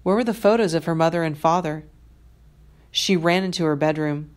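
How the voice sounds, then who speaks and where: A female teacher with a deep, low voice reads a novel to her students. She takes it at a measured pace with plenty of expression, giving the tale a sense of weight.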